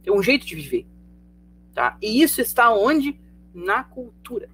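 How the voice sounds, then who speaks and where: A Brazilian-accented teacher leads a remote sociology class in an easy, conversational voice of middling pitch. The teacher fires rhetorical questions at the students and checks that they are following. A faint hum sits under the voice. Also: sing-song, a little slow, fairly bright tone. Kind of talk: live online class lecture.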